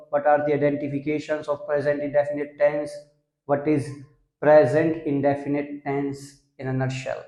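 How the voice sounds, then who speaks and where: A young man with an Indian accent teaching English grammar in a lesson video. His voice is mellow and a little high, and he speaks slowly and draws out the English terms. The room sounds echoey. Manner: explains step by step, mixing English terms into Hindi. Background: dogs barking.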